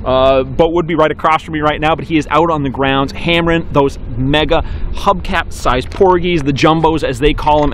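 A man in his forties hosting a weekly fishing report to camera, outdoors on a dock, talking briskly and upbeat with some fillers. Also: on the high side, a little hiss or hum.

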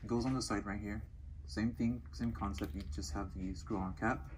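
A man with a fairly low voice speaks through a gas mask as he walks through a casual tutorial. He talks in a relaxed way and fills his pauses with ums and uhs. A faint hiss of noise sits under the recording. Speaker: product demonstrator.

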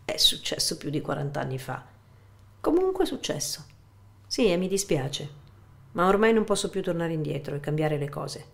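A woman reading the part of a calm, gentle elderly man who speaks in a measured way, in a low voice. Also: gravelly, full character voice.

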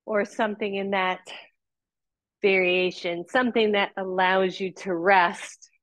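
A woman teaching a live yoga class, calling out cues and counts with encouraging, breathy exhales. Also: medium pitch, steady tone, a little slow, dry recording, low-quality recording.

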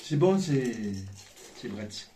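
A man's voice: mid-range voice, animated, slow, dark tone. Man, casual vlog chat, munching chips, roomy echo, faint noise. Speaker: vlog co-host tasting snacks. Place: small hotel room, indoors. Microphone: phone camera a couple of metres away. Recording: echoey, distant phone recording with noise.

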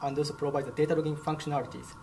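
A man's voice: on the high side, steady tone, rapid-fire, vocal fry. A young man whose first language is Japanese, answering interview questions in a lab with brief, careful phrasing. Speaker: product specialist. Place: company lab, indoors. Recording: lab background noise.

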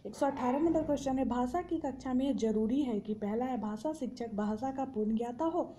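A woman tutor works steadily through exam questions, reading each option in order before explaining the answer. Her voice sits a little high but sounds mellow and warm. Faint noise hums under the recording. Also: brisk, lo-fi sound.

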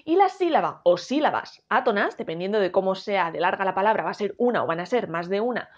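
A woman teaching a grammar lesson, slowly spelling out syllables. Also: medium pitch, animated. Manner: clear, drawn-out syllables for teaching. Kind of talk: explaining a Spanish grammar lesson. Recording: dull lo-fi sound.

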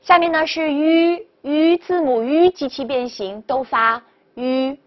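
A woman teaching French pronunciation in a video lesson, upbeat and quick to praise, repeating each model word. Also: sits high. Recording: dull lo-fi recording.

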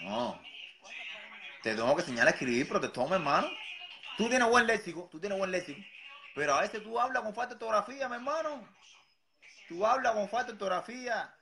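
A Cuban man with a Cuban accent talks in a sarcastic, repetitive, taunting way. His voice sits a bit high and rings bright and forceful. His pitch swings widely as he needles his target. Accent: Cuban Spanish. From Cuba. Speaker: satirical vlogger. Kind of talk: mocking impression monologue.

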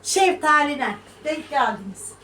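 High-voiced woman chatting in an echoey kitchen. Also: lively intonation, measured pace, bright, forceful tone, far from the mic. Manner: chatty, scolding and mocking critics with laughs. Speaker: vlogger. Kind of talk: casual cooking vlog, talking to viewers. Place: home kitchen. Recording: echoey room, voice a little off-mic, faint room noise.

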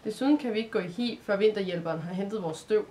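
Woman reading a gentle, melancholy male creature for a storybook, soft and patient. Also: medium pitch, natural voice. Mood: patient explaining. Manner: patient, explaining, soft-spoken. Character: male hibernating creature, gentle, sad, secretive.

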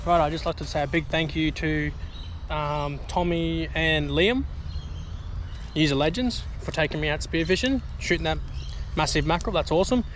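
A man's voice: fairly high pitch, moderate pace, fairly bright tone, faint music behind. A young man talking casually to the camera outdoors in the bush, laid-back and slangy. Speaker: vlog host. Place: outdoors in bushland.

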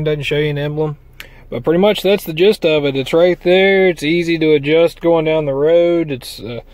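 A man's voice: fairly high pitch, dry recording. A man casually showing off a truck part he had installed, rambling in a folksy way with fillers, filming on a handheld phone from inside the truck and outside by a trailer. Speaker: vlogger reviewing truck accessories. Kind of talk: casual walkthrough vlog.

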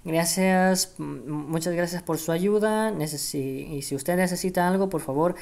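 A woman's voice: lowish voice, moderate pace, vocal fry, a little mellow. A woman from doing casual game commentary and reading dialogue aloud, hesitant and thinking aloud with many fillers. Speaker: gameplay streamer.

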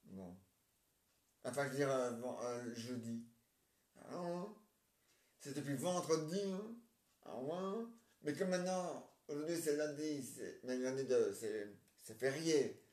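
A man's voice: mid-range voice, expressive, measured pace, darkish tone. A man performing every part of his own homemade play himself, rambling and hesitant, with frequent filler tags. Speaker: amateur playwright performing all parts. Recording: roomy echoey home recording.

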